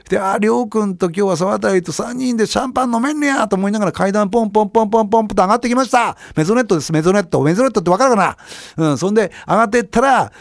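A man's voice: high-pitched, no echo, studio quality. A middle-aged man, hosting a radio show and telling a story in a casual monologue, acting out the people he quotes. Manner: animated, quotes people with voice changes. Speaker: radio host.

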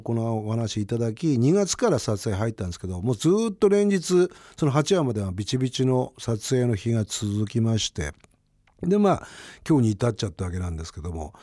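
Lively-voiced man in his fifties hosting radio. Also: mid-range voice, moderate pace, no room sound, clean studio sound. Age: 50s. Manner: rambling, chatty storytelling. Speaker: radio host. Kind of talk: casual late-night radio talk.

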